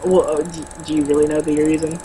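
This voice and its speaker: With a low, mellow voice and level tone, a woman reads a novel aloud quickly, the audio poor with slight background noise. She's an amateur who stumbles over words at times and pauses for blunt, mocking, casual asides peppered with swearing.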